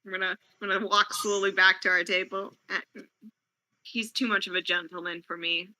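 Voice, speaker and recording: Bright-voiced woman playing a tabletop game. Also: medium pitch, flat delivery, moderate pace, low-quality recording. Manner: casual, questioning. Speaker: player. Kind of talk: in-character tabletop play.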